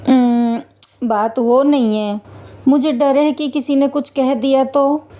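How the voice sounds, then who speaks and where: A woman voicing a poor, timid widowed mother in a spoken story, hesitant and soft-spoken. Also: sits high, steady tone, slow pace. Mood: worried. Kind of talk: storytelling voice acting.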